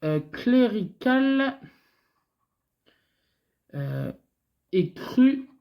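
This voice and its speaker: Her voice is on the high side and creaky, with big pitch swings and an extremely slow pace, all captured in a muffled recording. She's a French-accented woman from France hosting a scratch-card video, scratching lottery tickets while casually commenting to viewers. Chatty and direct, she runs through letters in a repeated sing-song way.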